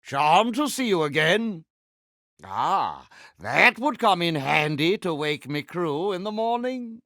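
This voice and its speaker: A villainous, self-adoring male pirate captain from a video game. His voice is high and wildly swooping, taken at a slow, savouring pace. He mixes mock-genteel grandeur with salty pirate slang, all very theatrical. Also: very animated, bright, forceful tone, no echo, studio quality, full character voice. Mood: smug, courtly.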